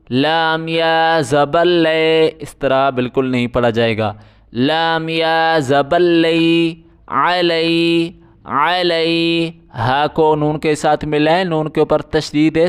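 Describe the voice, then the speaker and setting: A young man with a Pakistani Urdu accent leads a recitation lesson. His rather high voice is very smooth and clear. He names each letter and vowel mark, then stretches the joined word out slowly, with brisk plain instructions between. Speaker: Quran reading teacher. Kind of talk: slow syllable-by-syllable recitation lesson.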